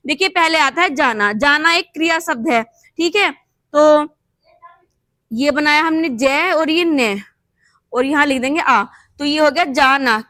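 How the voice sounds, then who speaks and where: A woman's voice: high-pitched, pushed and bright, no echo. A woman teaching a shorthand class, patiently explaining each step as she writes and checking in with the class as she goes. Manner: patient, repeats steps with "thik hai" checks. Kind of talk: explaining while writing on a board.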